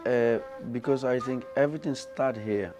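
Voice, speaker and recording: Man from Gambia, interview guest, earnest, halting, music in the background. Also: mid-range voice, a little mellow. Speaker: guest, fashion brand founder. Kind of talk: interview conversation.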